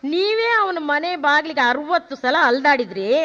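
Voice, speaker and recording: An actress playing a sharp-tongued, scheming wife who makes sarcastic quips and trades in proverbs. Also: female voice, high voice, animated, normal speed. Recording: dull lo-fi drama recording.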